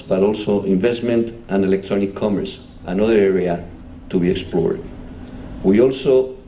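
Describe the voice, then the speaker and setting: A man with a Spanish accent delivers a formal speech in a measured, steady way. His voice sits low and sounds mellow and dark. He is picked up from well back in a roomy, echoing conference hall with a faint hum of noise. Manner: measured, formal, reading out titles. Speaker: European Union official giving a speech. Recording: echoey hall, distant mic, faint noise.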